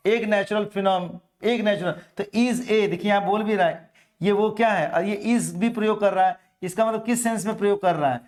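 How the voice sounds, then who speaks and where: A middle-aged man with an Indian accent gives a grammar lesson in a fairly high voice. He takes each point step by step, and he often asks a question and then answers it himself. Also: a little fast, a little mellow. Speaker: teacher. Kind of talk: classroom grammar lecture.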